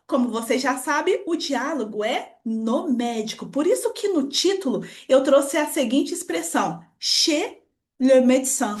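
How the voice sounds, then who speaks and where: A woman's voice: high voice, darkish tone. A woman teaching a French lesson online, upbeat and encouraging, talking straight to the viewer. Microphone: computer screen recording voice-over.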